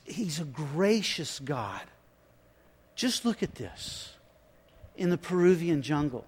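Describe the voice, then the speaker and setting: A man preaching a sermon in a slow, emphatic way, dropping his voice low for effect, with chatty asides and restarts. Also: darkish tone. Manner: slow, emphatic delivery with dramatic drops in volume; conversational asides and repeated restarts. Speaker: pastor.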